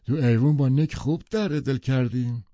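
A man's voice: mid-range voice, warm tone, no echo, muffled recording, pitched above the performer's own voice, close to an everyday voice. A man narrating an audiobook who voices an arrogant, domineering young rich man, speaking bluntly and condescendingly. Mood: curt.

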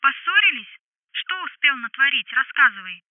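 A sharp-tongued adult woman scolds over the phone, as the narrator puts her on, her voice pushed high and squeezed through a tinny telephone filter. The sound is close and dry, with no room around it. Her lines come out blunt and bossy, straight from an audiobook. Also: sing-song, moderate pace, dry recording. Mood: scolding. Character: brash grown woman, blunt ex-lover on the phone. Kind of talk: audiobook dialogue.

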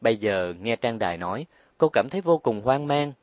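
A man narrating an audiobook in a calm, steady reading voice. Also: medium pitch, fairly quick, no room sound.

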